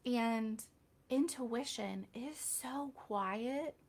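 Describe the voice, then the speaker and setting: A woman's voice: fairly high pitch, extremely slow. A woman hosting a casual live Q&A stream, talking candidly with chatty, self-deprecating asides. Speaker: reiki healer hosting a live Q&A.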